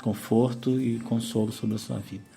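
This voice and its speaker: A man's voice: medium pitch, level tone, moderate pace, creaky, warm tone, faint music behind. A man hosting a faith radio interview in a pastoral, consoling way. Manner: consoling, keeps adding "né?". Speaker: radio program host.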